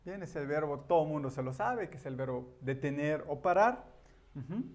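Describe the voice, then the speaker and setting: A man's voice: a little high, expressive, normal speed. A man teaching a grammar lesson at a board, patient and repetitive, with frequent affirming fillers. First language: Spanish. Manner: patient, repeats key words, many "ujú" and "ajá" fillers. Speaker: English teacher.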